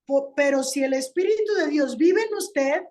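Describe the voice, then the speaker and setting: A woman with a high voice reads Bible verses aloud. She explains them calmly as co-host of a sermon on marriage. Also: moderate pace. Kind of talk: reading scripture and commenting.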